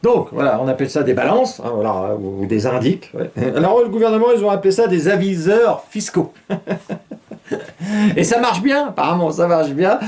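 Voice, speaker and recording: A middle-aged man hosts a mock newscast in a loose, rambling way, full of hesitations and little chuckles. His voice sits a bit high for a man, and he never sounds stiff or formal. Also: gravelly, a little mellow. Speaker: host of a satirical weekly news show.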